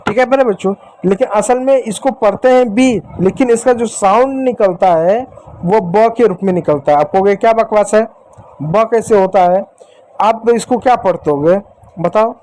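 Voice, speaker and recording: A male teacher patiently explaining a lesson to children, repeating reminders and slowing down to sound out example words. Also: high voice, darkish tone, rough recording. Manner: slows down to spell out example words.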